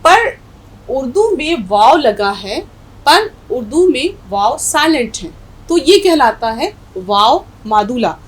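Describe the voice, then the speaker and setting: A woman's voice: high-pitched, a bit bright, breathy edge, low-quality recording. A woman teaching a Urdu language lesson, explaining words patiently and repeating each example with a North Indian Hindustani accent.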